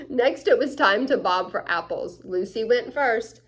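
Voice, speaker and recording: A woman with a fairly high voice reads a children's picture book aloud at a slow pace for story time. She performs it expressively, swinging dramatically between hushed and excited tones, and adds little asides to her young listeners.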